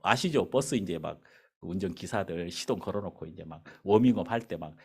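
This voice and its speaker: Low and husky, the male pastor's voice moves briskly as he preaches in the sanctuary. His sermon centers on a story, and he performs its dialogue with lively energy.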